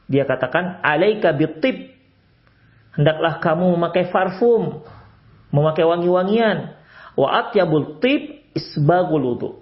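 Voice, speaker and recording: A man preaching a sermon lecture, swinging from raised exclamations to quiet low advice. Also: muffled recording. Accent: Indonesian. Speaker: Islamic preacher.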